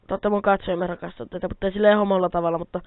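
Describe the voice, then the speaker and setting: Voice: medium pitch, little pitch movement, dry recording. Rambling gamer on a tinny mic. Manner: swears a lot, grumbles at the game; rambling, self-talking, addresses viewers. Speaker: Minecraft let's player. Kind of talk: casual gameplay commentary. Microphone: quiet mic held close. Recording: tinny phone-like mic, dry.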